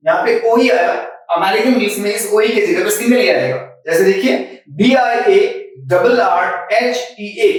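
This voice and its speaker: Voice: medium pitch, very echoey, recorded from a distance, low-quality recording. A Hindi-speaking teacher explains English spelling rules, spelling words out letter by letter and mixing in English terms. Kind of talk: spelling lesson.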